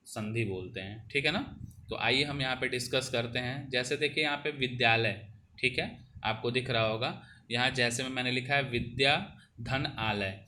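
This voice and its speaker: A man's voice: medium pitch, sharp tone, a little hiss or hum. A man teaching grammar, explaining patiently step by step and often checking in with his students. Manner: explanatory, repeats "ठीक है ना" to check understanding. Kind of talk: Hindi grammar lesson over a screen.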